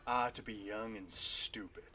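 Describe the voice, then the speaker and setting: A man voicing a mocking, menacing male thug leader with a warhammer, speaking low and quiet. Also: steady tone, a little slow, a little hiss or hum.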